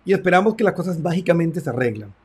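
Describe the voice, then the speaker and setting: A man's voice: a little high, animated, quick pace, husky. A man who works as a therapist, giving a reflective talk on self-esteem and acting out conversations with his clients. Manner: reflective, acts out client dialogues.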